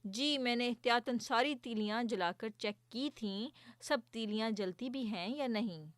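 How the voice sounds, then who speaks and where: A woman's voice: fairly high pitch, no echo, clean studio sound, lightly acted. A woman voicing a cheeky young boy in a children's joke, matter-of-fact. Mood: innocent.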